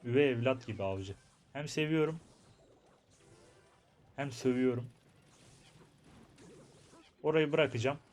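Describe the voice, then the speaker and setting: A young man talks his way through a mobile game match. His commentary is chatty and excitable, and he keeps addressing his viewers while muttering to himself. His voice sits at an ordinary middle pitch for a man. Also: a little slow, long pauses. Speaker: gaming YouTuber. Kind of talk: live gameplay commentary.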